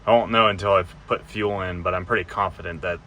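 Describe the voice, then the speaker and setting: A man's voice: low-pitched, fairly even intonation, fast talker, bright, forceful tone, slight background noise. A man giving a casual step-by-step how-to while working on his van. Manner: plain, practical, explaining step by step. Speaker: DIY van builder.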